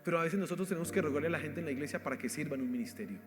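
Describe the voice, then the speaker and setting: High-voiced Colombian pastor in a reverberant hall. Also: male voice, very fast. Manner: exhorting, addresses listeners as "hermano", swings from loud emphasis to quiet asides. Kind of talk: sermon. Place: church hall. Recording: live church stream with reverb and faint music.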